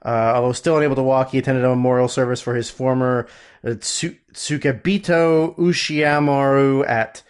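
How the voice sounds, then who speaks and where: A man's voice: mid-range voice, steady tone, normal speed, smooth. A man co-hosting a casual podcast, rambling with lots of fillers and restarts while he looks things up. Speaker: podcast co-host.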